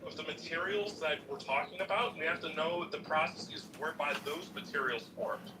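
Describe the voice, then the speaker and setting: A man debating a caller, explaining in a measured way and turning forceful when pressed. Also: a little high, distant mic, background noise. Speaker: debater defending geology. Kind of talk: call-in debate.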